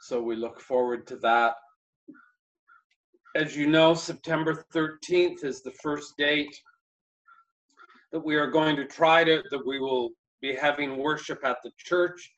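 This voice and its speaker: Slow, chatty pastor man. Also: fairly high pitch, steady tone, highs cut off. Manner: gentle, chatty, with many fillers and pauses. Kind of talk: casual online church message.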